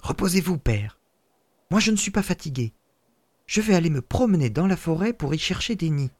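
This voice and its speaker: A man voicing an eager, cocky young schoolboy in a fairy tale, speaking quickly and self-assuredly. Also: on the high side, very animated, pitched above the performer's own voice.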